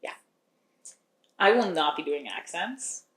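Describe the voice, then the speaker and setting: A woman's voice: fairly low pitch, expressive, slow pace, echoey room. Wry, chatty woman recapping a book. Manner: chatty, wry, laughs often. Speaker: podcast co-host recapping a book. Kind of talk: casual chat.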